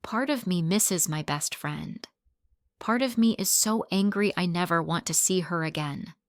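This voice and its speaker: Low-voiced woman telling a story. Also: measured pace, no echo, clean studio sound. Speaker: narrator. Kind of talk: reading a first-person story aloud.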